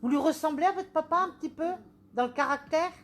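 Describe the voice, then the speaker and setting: A woman medium giving a live reading, her voice sitting fairly high. She keeps asking questions and talks in an animated way, coming back again and again to the same phrases. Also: quick pace. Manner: animated, questioning, repeats "on me le donne".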